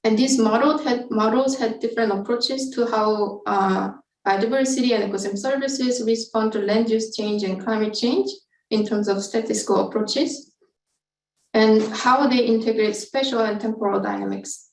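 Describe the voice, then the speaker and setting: This researcher's voice sits on the high side, steady in tone and at a normal speed. She walks through her study methods in an explanatory webinar talk, somewhat hesitantly, captured in an echoey room well away from the mic.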